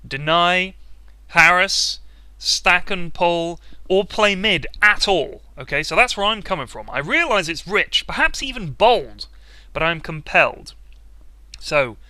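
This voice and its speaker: Sarcastic man ranting, bright and dry. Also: fairly high pitch, dry recording. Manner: sarcastic, exaggerated rant. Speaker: video commentator. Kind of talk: comedic game commentary.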